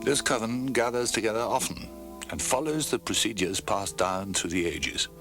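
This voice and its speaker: A man narrating a documentary in a dramatic, scripted way with slow ominous pauses, heard from an old VHS tape. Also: lowish voice. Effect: old VHS tape sound. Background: music.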